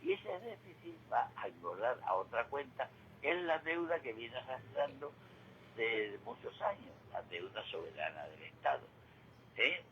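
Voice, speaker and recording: On local radio, a current-affairs commentator with an Andalusian Spanish accent gives conversational economic commentary, emphatic and didactic, repeating key figures to drive them home. His mid-range voice has huge pitch swings, a measured pace, vocal fry and a fairly bright tone, though the recording is muffled with slight background noise.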